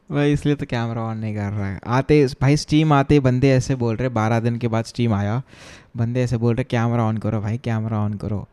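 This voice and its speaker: A young man from Chennai talks through his coding on a live stream. He chats and jokes with his viewers, switching freely between Hindi and English tech words. His voice is mellow and dark, set at an ordinary middle pitch. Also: normal speed, clean tone. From Chennai, India. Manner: chatty and joking, reading viewer chat aloud and answering it. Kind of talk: casual live-stream chat while coding.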